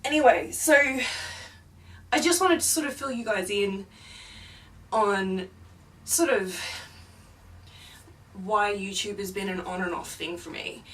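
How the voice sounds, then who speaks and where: A woman's voice: mid-range voice, takes it slowly, long pauses, a bit bright. Chatty woman vlogging from a distance. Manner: chatty, rambling, with many fillers. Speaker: paranormal YouTuber. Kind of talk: casual vlog chat. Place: home, with a film playing in the next room. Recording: distant mic, faint background noise. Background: faint noise of a film playing in another room.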